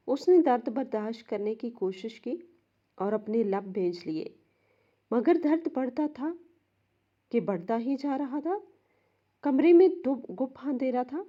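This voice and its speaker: A woman storyteller narrating a dramatic story in a steady, expressive way. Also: medium pitch, lo-fi sound.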